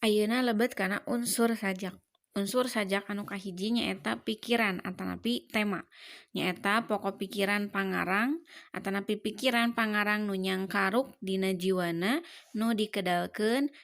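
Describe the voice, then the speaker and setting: A woman's voice: medium pitch, unhurried, a bit bright. A woman teacher with a Sundanese accent giving a lesson, explaining each point and then repeating it more simply. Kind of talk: classroom lesson.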